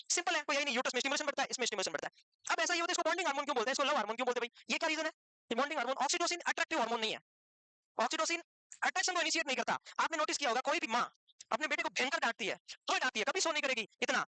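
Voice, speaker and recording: A woman gives a classroom lecture at a very fast clip. Her voice sits high and sounds sharp. She keeps asking questions and checking that her listeners follow, in a dry recording. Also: dry recording, rough recording. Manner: asks rhetorical questions and often checks understanding; lively explaining with everyday examples. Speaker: teacher.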